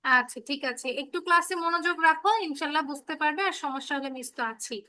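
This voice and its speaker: Her voice high, bright and forceful, and her delivery fast, the woman leads an online English phonics class for kids through a laptop microphone on a video call. She affectionately addresses them as "baba" and patiently confirms each child understands.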